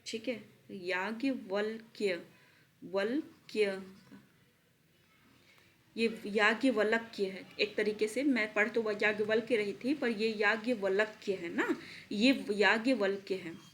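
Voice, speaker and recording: A woman teacher giving an online spelling lesson for exam students, repeating words slowly and mixing in English terms. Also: medium pitch, fairly bright tone, slight background noise. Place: at a laptop.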